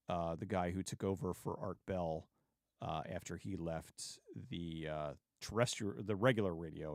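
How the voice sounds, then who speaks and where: A man hosting a livestream and chatting casually with viewers in a rambling, halting way, often restarting sentences and digressing. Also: low-pitched, no room sound, studio quality. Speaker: YouTube livestream host.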